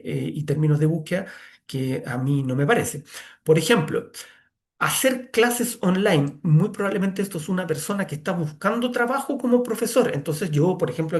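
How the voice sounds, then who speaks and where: Man teaching, slightly high voice. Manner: conversational, many "eh" fillers. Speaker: online course instructor. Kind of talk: screen-share tutorial.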